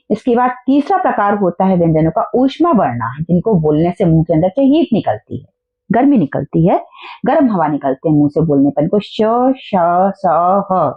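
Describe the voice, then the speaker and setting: Woman teacher, patient step-by-step explanation, husky voice, thin phone-quality sound. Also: medium pitch. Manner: patient, repeating syllables slowly for students. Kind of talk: explaining a school lesson. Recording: tinny phone-like recording.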